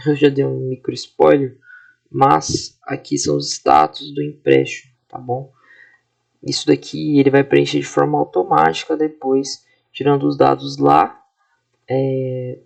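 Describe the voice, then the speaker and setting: Gravelly young man talking through a screen demo. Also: mid-range voice, a little slow, a little mellow. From Brazil. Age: 20s. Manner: casual, explanatory, frequent fillers and tag questions. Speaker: student presenting a class project. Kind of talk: screen-recorded software walkthrough.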